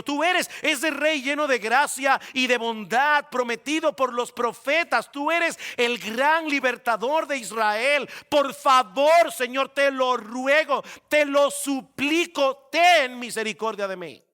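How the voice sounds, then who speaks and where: A man's voice: extremely high pitch, measured pace, hardly any pauses, sharp tone, voice pushed up, full character voice. A man voicing a blind beggar man who pleads and cries out for mercy. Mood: pleading. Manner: crying out, pleading.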